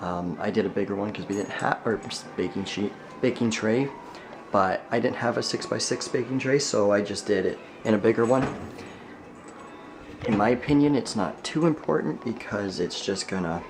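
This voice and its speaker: Shopping in a store and baking in his home kitchen, a young man chats to his vlog camera, cracking jokes and laughing frequently. His voice is fairly low-pitched and he speaks at normal speed over background noise.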